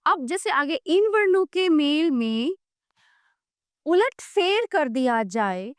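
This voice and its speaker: High-voiced, slow, patient woman teacher. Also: expressive, no room sound, studio quality. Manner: patient, sounds out letters one by one; keeps checking in with the listener. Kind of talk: explaining a Hindi grammar video book.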